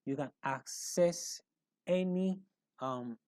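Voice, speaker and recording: A man talks viewers through an on-screen walkthrough in a mellow, relaxed tone, recorded close and dry. He stops and restarts often, repeating words as he hunts for the next phrase. He checks in with rhetorical questions as he explains. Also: fairly high pitch, takes it slowly, no room sound. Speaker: presenter of an online explainer.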